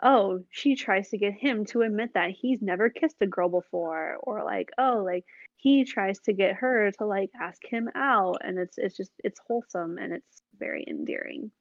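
A woman with a gravelly, fry-laden voice chats casually and gets animated as she explains what she's been watching. The sound is dry and close, with a slightly dull, lo-fi tone. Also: medium pitch, normal speed, no room sound. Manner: chatty, animated when describing shows. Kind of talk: casual chat.

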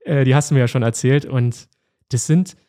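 A man's voice: medium pitch, moderate pace, warm tone. An enthusiastic man hosts a casual podcast. He praises his guest at length and often turns to speak to the listeners. His voice sits in the middle range. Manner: enthusiastic, effusive, talks to listeners. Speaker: podcast host.

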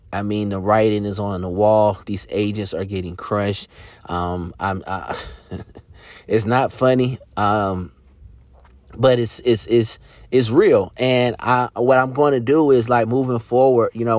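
A man's voice: mid-range voice, a little mellow, dry recording. A man hosting a podcast about sports agents, ranting passionately with emphatic repetition and frequent restarts. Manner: passionate, emphatic, repeats words and restarts often. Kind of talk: podcast rant.

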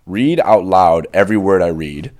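A man's voice: deep voice, animated, moderate pace. A young man co-hosting a podcast in casual chat, joking and rambling. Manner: joking, rambling, slips into a soft put-on radio voice. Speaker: podcast co-host.

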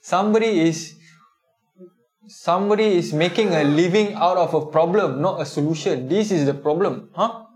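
A man's voice: sits high, normal speed, darkish tone. A Singaporean man in a casual chat, speaking colloquial Singlish with lah and meh, explaining his opinions through rhetorical questions.

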